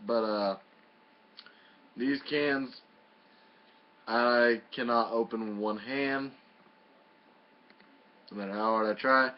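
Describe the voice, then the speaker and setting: A man's voice: mid-range voice, steady tone, slow pace, pauses often. A man giving a casual, folksy and mildly profane review in a home video. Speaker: product reviewer. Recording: muffled lo-fi home video audio.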